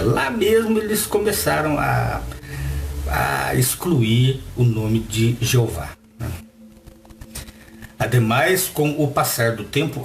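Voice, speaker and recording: A man with a Brazilian Portuguese accent reading a text aloud and adding his own commentary, often putting rhetorical questions to the listener. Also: medium pitch. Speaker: Bible reader and teacher. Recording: roomy echo with faint background noise.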